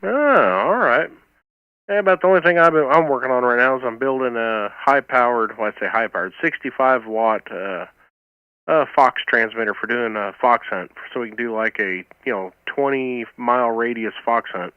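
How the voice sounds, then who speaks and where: A man's voice: medium pitch, moderate pace, clear, resonant tone, no room sound, phone-quality sound. An American man hosting an amateur radio net, chatting casually and calling for check-ins over a two-way radio. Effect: heard over amateur two-meter radio. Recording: band-limited two-way radio.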